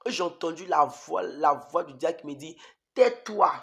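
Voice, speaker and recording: A man's voice: a little high, fairly even intonation, brisk, creaky, bright, forceful tone. A man preaching an emotional testimony sermon, repeating phrases emphatically and addressing his listeners as beloved.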